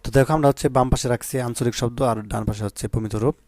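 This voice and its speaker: A man from Bangladesh gives an exam-prep lesson in a warm, mellow voice. He explains patiently and keeps checking that his students are following. The sound is dry and close to the mic. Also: mid-range voice, fairly even intonation, dry recording. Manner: explains patiently, often asks "ঠিক আছে?"; slow, measured reciting of poem and story. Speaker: teacher.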